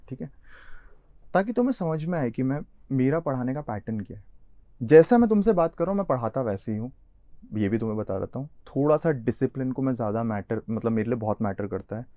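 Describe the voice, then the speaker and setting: A man's voice: medium pitch, mellow, no echo. A young man with an Indian accent, teaching a live online lecture in a chatty way, talking straight to his students. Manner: chatty, addresses students directly, mixes English terms. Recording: slightly dull, lo-fi.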